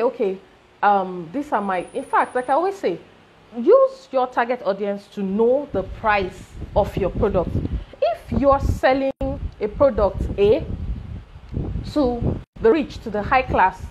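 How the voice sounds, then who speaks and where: A woman's voice: fairly high pitch, darkish tone, a little hiss or hum, rough recording. A woman with a Nigerian accent, coaching on business growth in an emphatic talk with rising checks like "okay?". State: briefly choking.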